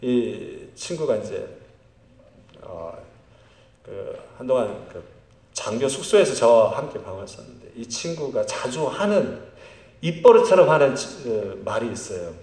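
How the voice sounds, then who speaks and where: A middle-aged man preaching a sermon as pastor of a church, swinging between loud emphatic lines and very quiet ones. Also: medium pitch, a little slow. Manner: lively, animated delivery. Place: church sanctuary. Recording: roomy church sound.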